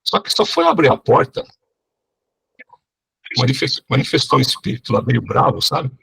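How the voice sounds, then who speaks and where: A middle-aged man telling his testimony in a sermon, animated and often checking in with the crowd. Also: mid-range voice, normal speed, vocal fry, slightly rough. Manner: animated storyteller, keeps asking the crowd "né?". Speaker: preacher giving testimony.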